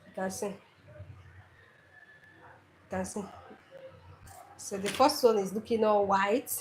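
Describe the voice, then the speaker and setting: A woman with a Nigerian Igbo accent talks through a home cooking lesson at an unhurried, deliberate pace. She is chatty and keeps repeating her key points for emphasis. A faint hiss of noise sits under her voice. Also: medium pitch, poor audio. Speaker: cooking channel host. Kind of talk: casual cooking tutorial.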